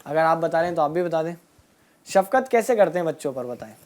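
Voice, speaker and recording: A woman teaching a group of children, asking them questions and repeating their answers, and drawing out key words slowly. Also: low voice, animated, a little mellow. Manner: asks a question, then repeats the answer back. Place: room with children and a passed microphone.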